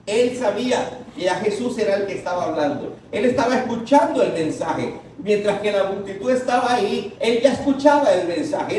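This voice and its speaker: A high-voiced man delivers a sermon from a distance. His words ring out through a very echoey church hall. He leads the congregation in call-and-response and lets some lines burst into shouts. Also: slight background noise. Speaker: pastor. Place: large echoing church hall.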